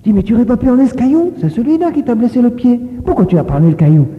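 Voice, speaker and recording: A man's voice: fairly high pitch, wildly swooping pitch, brisk, slight background noise. A man voicing a fussing, astonished schoolteacher. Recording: echoey hall on a tinny phone-like line.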